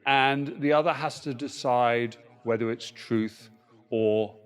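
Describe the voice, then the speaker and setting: A man's voice: mid-range voice, takes it slowly, smooth, close to an everyday voice. A man playing a bemused Victorian ghost. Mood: amused. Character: a Victorian ghost, old-fashioned gentleman. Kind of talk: comic podcast role-play.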